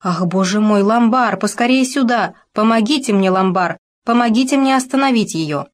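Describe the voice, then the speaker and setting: A frightened young maid pleading in a high, trembling voice, as a woman reader plays her. She sounds anxious and urgent, read from a storybook. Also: moderate pace, lightly acted. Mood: panicked.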